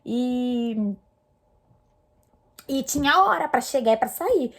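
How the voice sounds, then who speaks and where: Speaking slowly in a high, animated voice, a young vlogger from Brazil chats with her viewers about something that happened to her. Her telling is casual and loaded with fillers and restarts.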